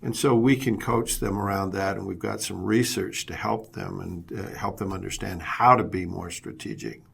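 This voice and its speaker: A man's voice: low voice, fairly even intonation, normal speed, vocal fry, hardly any pauses, fairly bright tone, slightly rough. A man presenting a business webinar as a leadership consultant, telling anecdotes and often repeating words as he restarts.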